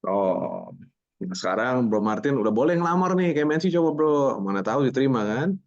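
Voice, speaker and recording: A man leads an online voice workshop on public speaking, talking energetically, joking with participants, and dropping English words into his speech. His mid-range voice is animated at a moderate pace, and the lo-fi audio sounds slightly muffled.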